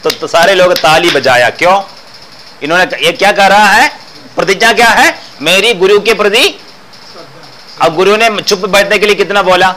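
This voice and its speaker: Male philosophy teacher, high bright voice, explains by repeating phrases and posing questions. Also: normal speed, rough recording. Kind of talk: explanatory discourse lecture.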